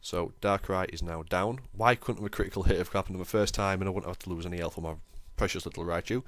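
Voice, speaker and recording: A man's voice: deep voice, steady tone, fast talker, a bit bright. A young man giving chatty, self-deprecating commentary over a recorded game as the channel's host.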